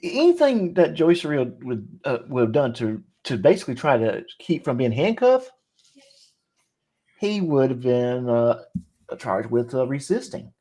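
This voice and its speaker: A guest on a casual reaction chat, speaking slowly with many fillers. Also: mid-range voice, sing-song, dark tone. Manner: drawn-out, hesitant with fillers. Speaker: guest commentator.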